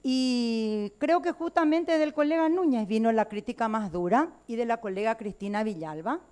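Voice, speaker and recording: A woman's voice: on the high side, normal speed, a little mellow, clear, resonant tone. A woman legislator with a Paraguayan Spanish accent giving a combative, emphatic floor speech in a legislative chamber.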